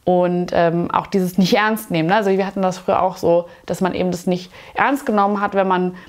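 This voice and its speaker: A woman's voice: fairly low pitch, fairly even intonation, a little fast. A woman in her thirties giving a casual, opinionated reaction commentary with sarcastic asides, recorded indoors in a small dim room on a clip-on mic. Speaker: YouTube commentator.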